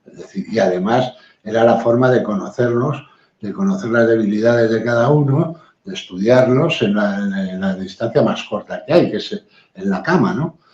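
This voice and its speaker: A man's voice: fairly low pitch, moderate pace, darkish tone. A man, a guest in a live-stream talk, speaking bluntly and assertively with many hesitant fillers. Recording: roomy, dull lo-fi sound.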